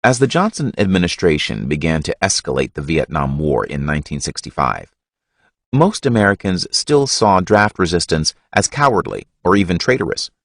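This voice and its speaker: A man reading a history audiobook in a measured, expressive narration. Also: sits low, creaky, no room sound, studio quality.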